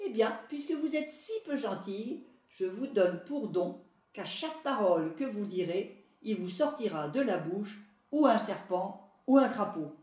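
A woman playing a calm solemn fairy. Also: mid-range voice, natural voice. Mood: stern. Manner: calm, measured. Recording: echoey room, voice far from mic.

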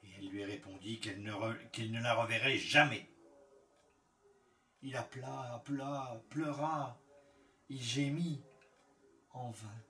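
A man reading a fairy tale aloud in a calm, measured storytelling manner. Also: lowish voice. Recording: echoey room, far from the mic.

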